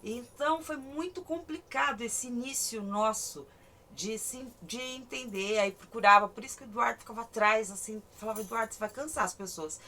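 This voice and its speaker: A woman's voice: fairly high pitch, moderate pace. Chatty Brazilian woman telling stories. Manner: chatty, animated storytelling, often laughing. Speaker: horse breeder, host. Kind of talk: casual conversation.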